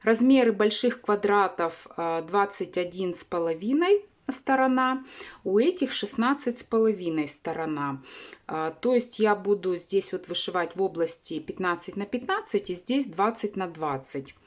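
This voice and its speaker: A woman hosting a sewing channel, explaining a craft tutorial carefully, often pausing with hesitation sounds. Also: mid-range voice, expressive.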